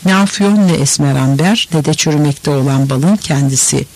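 Male audiobook narrator, slightly high pitch, measured and expressive delivery. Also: poor audio.

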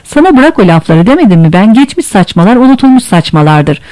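A reader voicing a fiery, scarred old Greek man, gruff and scornful, in an audiobook. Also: mid-range voice, sing-song, fast, dark tone, no room sound, lightly acted, rough recording. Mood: dismissive. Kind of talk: audiobook character reading.

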